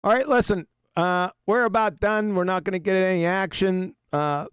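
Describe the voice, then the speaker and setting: A man's voice: sits high, steady tone, normal speed, a bit bright, clear, resonant tone, no room sound, clean studio sound. A man hosting a live panel, talking casually and bluntly. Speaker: panel show host.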